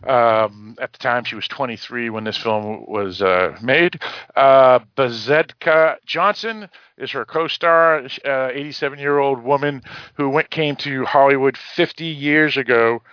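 A man with a Boston accent talks in a dull, dry lo-fi recording. He hosts a film discussion in a halting, informal way, padding his sentences with lots of hesitant filler sounds. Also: medium pitch, dry recording. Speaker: film podcast host. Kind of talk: informal film discussion, semi-prepared introduction. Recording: dull, lo-fi audio.

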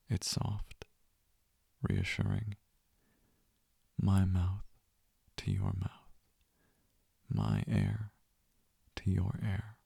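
A man narrates an intimate second-person roleplay in a low, husky murmur that often slips into a whisper. His delivery is slow and tender, with a dark, gravelly grain. The sound is close and dry, with no room around it. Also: dry recording. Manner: soft, hushed and often whispering; tender and reassuring. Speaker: audio roleplay performer.

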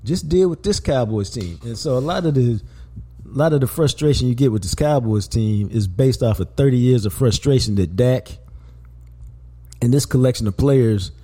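Male podcast host, mellow timbre, animated and slangy, repeats for emphasis. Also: medium pitch, normal speed, husky. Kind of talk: casual sports talk.

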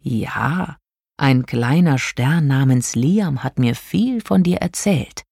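A woman voicing a sleepy, wise old male moon in a storybook, slow and mysterious in manner. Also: very deep voice, slightly rough, no echo, studio quality, exaggerated voice. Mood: calm, mysterious. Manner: slow, calm, speaking in riddles. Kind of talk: audiobook character voice.

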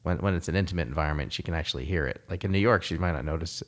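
A man from the United States talks in a casual conversation, his low voice coming out rapid-fire. He's reflective and rambling, with lots of fillers and restarts.

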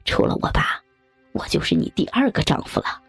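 A woman voicing a menacing, taunting young man in a dramatic audio story, with a low gravelly voice and mocking laughs. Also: fairly quick, soft background music, lightly acted. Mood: gloating. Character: menacing young adult son, leering and taunting.

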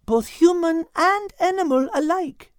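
A man voicing a calm, clever female animal sleuth with a put-on French accent, in a storybook reading. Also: very high voice, a little slow, no echo, studio quality, pitched above the performer's own voice. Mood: musing.

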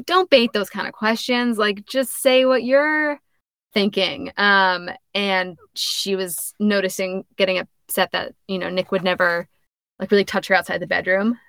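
Young woman, podcast co-host, chatty book talk, lots of fillers, slight vocal fry, dry close sound. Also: medium pitch, a bit bright, no echo. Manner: chatty, many "like" fillers, laughs often. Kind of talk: casual book discussion.

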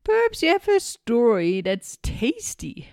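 A woman's voice: fairly high pitch, huge pitch swings, a little slow, vocal fry, a little mellow, no room sound, clean studio sound, pitched above the performer's own voice, exaggerated voice. A woman voicing an eager, bouncy young squirrel in a storybook reading, in a pleading way. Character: bouncy thirteen-year-old squirrel, eager.

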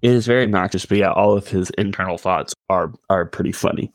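Low-voiced man chiming in on a book podcast. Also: fast talker. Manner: short agreeing interjections, easygoing. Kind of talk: casual book discussion.

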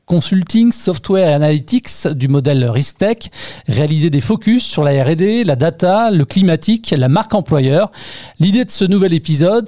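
A man's voice: on the high side, mellow, dry recording, clean studio sound. A man hosting a podcast, reading a prepared introduction and then interviewing guests with some hesitations. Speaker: podcast host.

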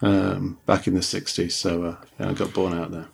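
A man's voice: deep voice, flat delivery, moderate pace, vocal fry, a little hiss or hum. A man around sixty, born in Liberia, reading a short story to a writing group and chatting hesitantly. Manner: hesitant, repeats words when unsure. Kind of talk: reading aloud and casual chat.

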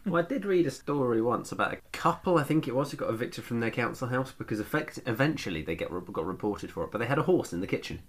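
Fast-talking British man with gravelly voice. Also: mid-range voice, lively intonation. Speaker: podcast co-host. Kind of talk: casual banter and anecdotes.

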